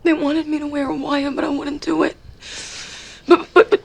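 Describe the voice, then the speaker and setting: A woman's voice: sits high, flat delivery, moderate pace, vocal fry. An actress playing a frightened, pleading young woman in an emotional television drama. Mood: anxious pleading. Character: frightened, pleading young girlfriend confessing to her boyfriend.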